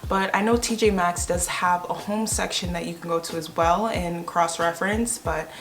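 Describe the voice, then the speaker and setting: A young woman chats with her viewers about home decor finds, calling them "you guys" in an enthusiastic, informal vlog style. Her voice sits fairly low and her tone stays steady at a normal speed.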